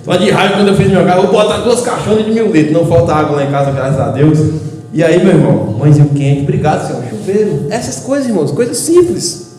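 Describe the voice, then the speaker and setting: A man's voice: on the high side, animated, fast, mellow. A Brazilian Portuguese-accented man preaching an informal evening sermon, folksy and chatty, telling everyday stories and addressing the listeners as brothers. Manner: chatty, folksy storytelling with frequent "né" and "irmãos". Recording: echoey hall with faint hum.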